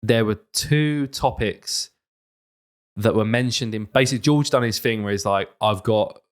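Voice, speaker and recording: A British man with a fairly low voice is running a casual podcast quiz. He talks to his friends in an informal, bantering way as he sets questions and gives out points. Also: moderate pace.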